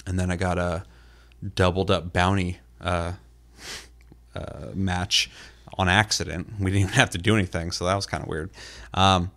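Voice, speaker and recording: A man with a very low-pitched voice chats casually on a gaming podcast. His delivery is loose and rambling, padded with fillers and dotted with swearing. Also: level tone, moderate pace, long pauses, fairly bright tone. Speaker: podcast co-host.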